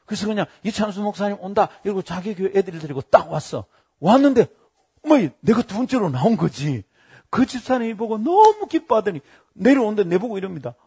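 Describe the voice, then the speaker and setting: This middle-aged male preacher has a high, slightly rough voice and a brisk delivery. His sermon is full of animated storytelling, and he performs each quoted person's voice.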